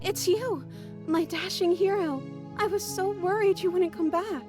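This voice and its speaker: High-voiced captive princess. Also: female voice, unhurried. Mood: sweet, hopeful. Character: captive princess, by turns bluntly menacing and sweetly hopeful. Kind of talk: video game voice acting. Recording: game audio with music behind.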